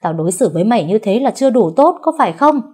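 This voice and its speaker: A jealous young husband hurls accusations in a storybook reading, acted out by a woman. His voice is raised and harsh, with a husky grain. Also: on the low side, expressive, normal speed, fairly bright tone. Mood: angry.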